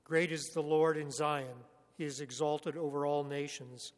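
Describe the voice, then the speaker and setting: A man's voice: on the high side, fairly even intonation. Male worship leader, formal liturgical read, long cathedral echo. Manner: formal, measured liturgical delivery. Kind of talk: leading a church liturgy. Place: large church sanctuary. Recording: long church hall reverb.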